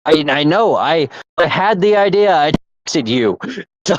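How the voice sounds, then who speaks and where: A man's voice: a little high, animated, measured pace, no echo. A young man in casual chat as podcast co-host, rambling with restarts and laughter. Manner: rambling, laughing, self-interrupting. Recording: dull lo-fi mic.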